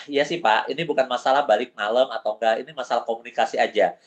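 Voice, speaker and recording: A man's voice: mid-range voice, steady tone, fast talker, dull audio, pitched below the performer's own voice, lightly acted. A man voicing a confused male downline seller who pleads earnestly for advice about his wife.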